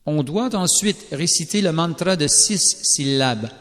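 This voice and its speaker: A man reads a sacred text aloud in a slow, solemn, carefully measured recitation. His voice sits a little higher than most men's, and a long reverb hangs after each phrase. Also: expressive, fairly bright tone. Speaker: scripture reader. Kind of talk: scripted scripture reading. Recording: long reverberant hall sound.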